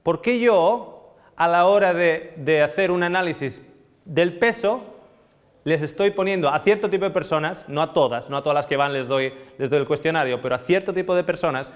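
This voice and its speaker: A man in his thirties giving a live nutrition seminar to a seated audience, animated and often asking the room questions, on a lapel mic. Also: fairly high pitch, in a large hall. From Spain. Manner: animated, asks the audience questions, gestures a lot. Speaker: nutrition lecturer.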